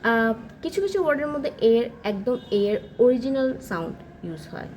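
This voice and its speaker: A woman's voice: fairly high pitch, sing-song, a little mellow, a little hiss or hum, poor audio. Woman teaching English pronunciation. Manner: explains step by step, models example words slowly. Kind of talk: pronunciation lesson.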